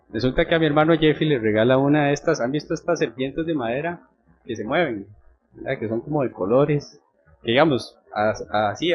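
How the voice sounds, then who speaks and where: Husky young Costa Rican pastor. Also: male voice, mid-range voice, muffled recording. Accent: Costa Rican Spanish. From Costa Rica. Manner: conversational, checks in with frequent tag questions. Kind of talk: sermon with personal storytelling.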